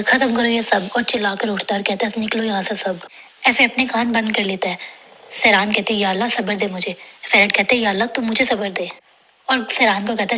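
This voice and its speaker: A woman's voice: medium pitch, pushed and bright, slight background noise. A woman retelling a TV drama episode scene by scene, reading the characters' lines in her own plain voice. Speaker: drama recap narrator.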